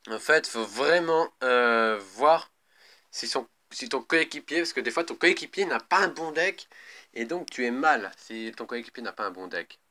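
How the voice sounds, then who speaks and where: A man's voice: medium pitch, expressive, normal speed, sharp tone. A man commentating live on a mobile game as a raging gamer, irritable and prone to swearing. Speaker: gaming video host.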